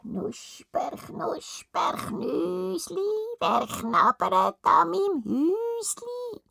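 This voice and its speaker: A woman voicing a wicked old witch in a high, singsong call, with a Swiss German accent. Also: very animated, very slow, vocal fry, fairly bright tone, full character voice. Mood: menacing.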